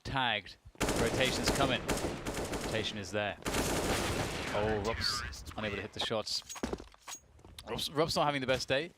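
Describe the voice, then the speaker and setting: Male esports caster over loud gunfire. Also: mid-range voice, unhurried, long pauses, heavy background noise. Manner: esports caster delivery, reacting to play in short bursts. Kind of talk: live esports play-by-play commentary with casual banter. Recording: loud game gunfire and clicks behind. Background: video game gunfire.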